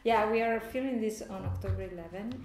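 A woman in her fifties, co-hosting a casual vlog, answering calmly and briefly at a kitchen table. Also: mid-range voice, brisk. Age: 50s. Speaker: co-host. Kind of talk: casual chat. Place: home kitchen table, indoors. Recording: roomy home room with faint music.

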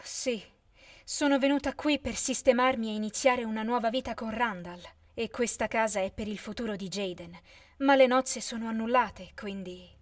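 A woman voicing a sad, resigned mother who speaks softly and low. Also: normal speed, close to an everyday voice.

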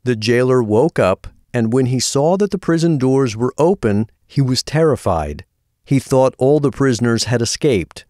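A man reading a Bible story aloud in a calm, even storytelling manner as a scripted narration. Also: mid-range voice, no echo, studio quality.

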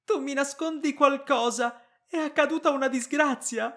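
A man voicing a distraught, indignant middle-aged wife in an audiobook reading, with a shrill, insistent manner. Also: fairly even intonation, moderate pace, a bit bright. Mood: frantic.

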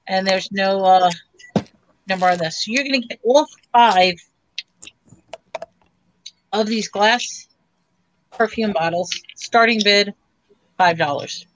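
A woman's voice: medium pitch, a little hiss or hum, low-quality recording. A woman running a casual live-stream auction, describing items in a chatty, loose way full of fillers. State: throat tickling, coughing.

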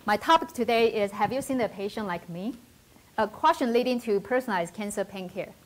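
A woman's voice: medium pitch, fairly quick. A woman from Taiwan in her forties with a Taiwanese accent, giving a careful, earnest prepared talk as a nursing professor on an auditorium stage.

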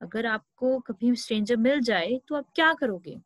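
A woman's voice: a little high, expressive, moderate pace, no echo, rough recording. A woman teacher with an Indian English accent, taking young children through a lesson and asking them questions as she goes. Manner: asks the class questions, mixing Hindi and English.

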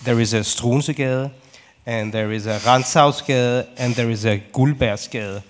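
A man's voice: mid-range voice, measured pace. Joking man. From Denmark. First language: Danish. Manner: joking, self-deprecating, laughs between remarks. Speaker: actor on a press panel. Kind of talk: press conference answer. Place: large press conference room. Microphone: table microphone.

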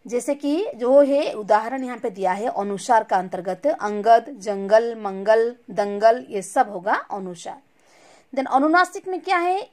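A woman teaching a recorded lesson, asking questions and answering them herself, mixing in English words. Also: fairly high pitch. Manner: mixes English words into Hindi.

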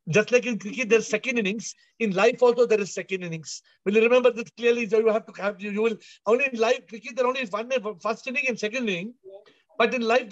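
A man's voice: sits high, no echo. A man, giving a spiritual discourse on a video call, emphatic and repeating phrases. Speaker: spiritual teacher leading an online discussion. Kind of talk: spiritual discourse with questions to listeners. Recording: slightly dull video-call audio.

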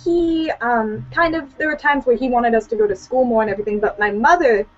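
On the high side and brisk, this teenage girl from Hawaii is a student guest in a casual video-call chat, often saying "like" and "you know." She's in a small room at home, and her computer's audio comes through dull and lo-fi.

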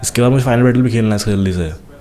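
A young man casually commenting on his own gameplay, talking fast and teasing the enemies on screen. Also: on the low side, dark tone. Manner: chatty, teasing enemies, talks fast while playing.

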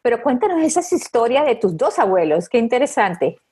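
A woman's voice: a little high, sing-song, fairly quick, dark tone, slightly rough. A middle-aged woman interviewing a guest over a video call through an earphone headset, asking encouraging follow-up questions. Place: home office.

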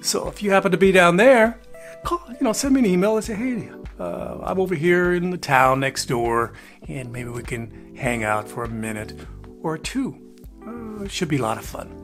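A man's voice: sits high, lively intonation, normal speed, fairly bright tone. Older man, from Texas, casual vlog update, rambling folksy delivery, faint background music. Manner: rambling, many "uh" fillers, folksy asides. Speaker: RV travel vlogger. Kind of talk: casual talking-head update. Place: plain indoor room, grey wall.

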